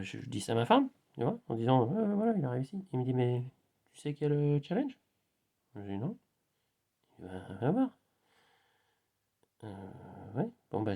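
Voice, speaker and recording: Playful guy rambling thru a spiritual vlog, tons of euhs and repeats, medium pitch. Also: darkish tone. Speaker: vlogger. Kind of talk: casual spiritual monologue.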